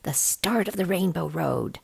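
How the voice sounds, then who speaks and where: A woman reader plays a brisk, cheerful female guide from a children's storybook. The voice is low and a little gravelly, and she lays out the rules in a plain, matter-of-fact way. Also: animated, darkish tone, slight background noise, full character voice.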